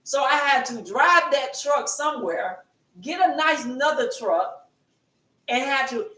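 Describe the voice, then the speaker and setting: A woman's voice: high voice, expressive, unhurried, sharp tone. A middle-aged woman co-hosting a casual chat show, rambling and repeating herself as she tells stories. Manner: rambling, repeats phrases, casual Southern-style grammar. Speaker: podcast co-host. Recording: roomy and distant from the mic.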